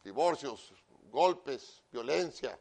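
A man preaching a sermon loudly and emphatically, with joking asides and frequent direct address to his listener. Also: mid-range voice, expressive, very slow, gravelly. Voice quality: loud, emphatic delivery.

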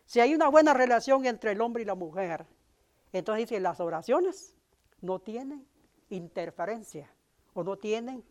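Conversational middle-aged male pastor preaching. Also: high-pitched. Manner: conversational, addresses the congregation with tag questions. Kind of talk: sermon.

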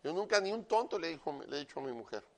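A man preaching a sermon loudly and emphatically, with joking asides and frequent direct address to his listener. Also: fairly high pitch, big pitch swings, fast, gravelly. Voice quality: loud, emphatic delivery.

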